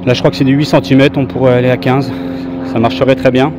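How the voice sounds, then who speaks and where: A man's voice: mid-range voice, level tone, fast, background noise. A man hosting a gardening video, explaining each step in a plain-spoken, colloquial, instructional way. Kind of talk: casual instructional gardening narration.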